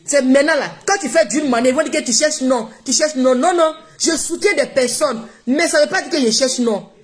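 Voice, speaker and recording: A social media live streamer whose first language isn't French talks into her phone in a casual monologue, her high voice moving fairly quickly as she speaks emphatically and repeats herself.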